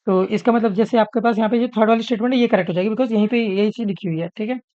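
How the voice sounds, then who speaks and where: A man with an Indian English accent teaching an exam-prep lesson. He reads each English question slowly, then explains it, often checking in with the students. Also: high voice, darkish tone, dry recording, muffled recording. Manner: explanatory, keeps checking in with "ठीक है?".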